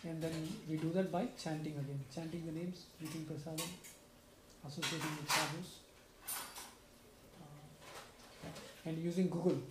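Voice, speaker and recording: Speaking earnestly in a soft, low voice, a young man recaps a satsang for a small group indoors, in a home room with a shrine. His tone is steady and his speed normal, broken by long pauses and frequent "right?" checks. He uses a stand mic in front while a distant camera films, and the audio carries roomy echo and noticeable background noise.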